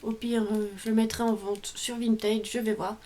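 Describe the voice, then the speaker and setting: A woman's voice: fairly high pitch, level tone, moderate pace, warm tone, slight background noise. A woman vlogger casually showing off a craft haul at home, chatty and hesitant, often trailing off. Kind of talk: casual show-and-tell haul.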